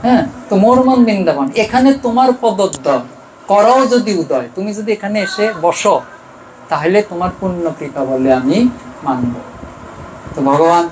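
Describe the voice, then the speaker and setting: A man giving a devotional sermon. He keeps asking questions and answering them himself, rising for emphasis and trailing off low. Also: a little mellow, reverberant, slight background noise, rough recording. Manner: rises in pitch and volume for emphasis, trails off low. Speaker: preacher. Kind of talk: devotional sermon with chanted verses.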